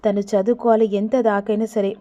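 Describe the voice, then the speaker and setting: A woman voicing a middle-aged mother-in-law who calmly reassures her daughter-in-law. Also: mid-range voice, normal speed, highs cut off, natural voice. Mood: reassuring.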